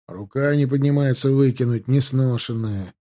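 A man voicing Goncharov, a calm veteran soldier telling war stories in an audiobook. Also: mid-range voice, moderate pace, close to an everyday voice. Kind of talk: audiobook character voice.

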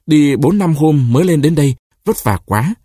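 A quick-tongued peasant woman refugee who answers fast and respectfully, as a man reading the story aloud puts her on. The voice is husky and the pitch moves a lot. It is recorded close and dry, for an audiobook. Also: lively intonation, warm tone, dry recording.

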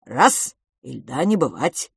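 A woman's voice: very deep voice, sing-song, takes it slowly, vocal fry, slightly rough, no room sound, studio quality, full character voice. A woman voicing a cheerful, hungry male cave creature who speaks in broken grammar, eager and sing-song. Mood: worried.

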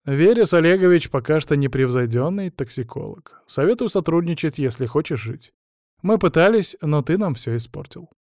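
A man voicing a stern, menacing male official who speaks slowly and coldly in gruff, measured threats. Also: fairly high pitch, animated, darkish tone, dry recording, studio quality, pitched above the performer's own voice. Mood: dry. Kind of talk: audiobook character reading.

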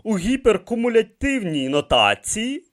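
A man puts on a higher, lifted voice for an unflappable male camel genius in a storybook reading. The camel murmurs equations to himself, wholly absorbed and calm. The tone rises and bends in lively arcs. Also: unhurried, full character voice. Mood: musing. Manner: muttering calculations to himself. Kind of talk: audiobook reading.

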